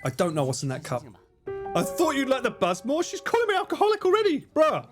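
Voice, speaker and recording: A man with an Essex accent chatting casually on a livestream in a jokey, sweary, expressive way. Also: very high voice, quick pace, over music. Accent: Essex English. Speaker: streamer reacting to video edits.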